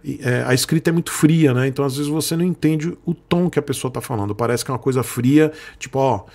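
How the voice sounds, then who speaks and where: A man's voice: medium pitch, fast talker, a little mellow. A Brazilian man, a sponsored motorcycle creator, talking casually and at length to his viewers, repeating himself and circling back. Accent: Brazilian Portuguese. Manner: rambling, repeats himself, speaks to viewers as "gente".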